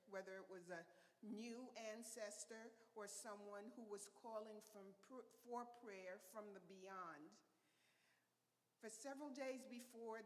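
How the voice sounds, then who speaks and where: A woman's voice: medium pitch, long reverb tail. A woman from Honduras giving a reflective personal talk to a church congregation, telling stories from her life. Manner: reflective, storytelling, unhurried. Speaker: speaker at a church gathering. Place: church hall.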